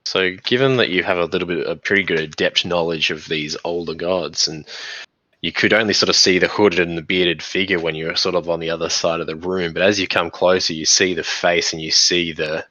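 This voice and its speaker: Deep-voiced man running a tabletop game. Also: fairly even intonation, sharp tone, no room sound. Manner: halting, searching for words. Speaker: game master. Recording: dull lo-fi recording.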